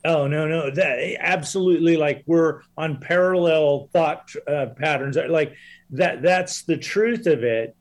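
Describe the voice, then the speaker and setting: A man with a slightly higher than usual voice speaks as a guest in a casual interview. He talks earnestly and reflectively about his coaching work with people. His speech comes across as sincere and thoughtful. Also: a little slow.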